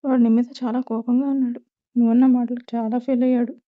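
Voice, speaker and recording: A woman reading as a caring middle-aged mother who talks to her son's young bride in a gentle, motherly way. The voice sits a little high, and the recording is thin and phone-like. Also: level tone, quick pace, lightly acted. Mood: reassuring. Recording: tinny phone-like sound.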